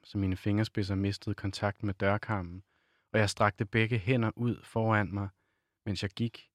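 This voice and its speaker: A low-pitched man reads his own prose in an unhurried, measured way. The recording is dry and close, with no room sound. He then slips into relaxed, casual conversation as a guest. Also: dry recording. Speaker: author reading from his novel, then interview guest. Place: in Copenhagen.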